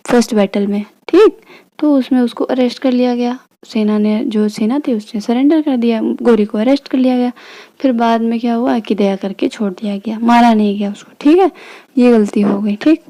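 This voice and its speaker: A woman's voice: a little high, warm tone. A woman from India teaching a history lesson in a casual, chatty way, often stopping to check in with her listeners. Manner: chatty, frequent "theek hai" check-ins.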